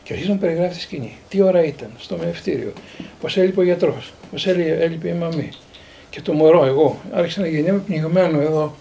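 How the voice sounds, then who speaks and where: With a fairly high, creaky voice and slight background noise, a man in his sixties from Greece, both priest and theologian, shares memories from his life. He narrates vividly, quoting other people and frequently repeating words.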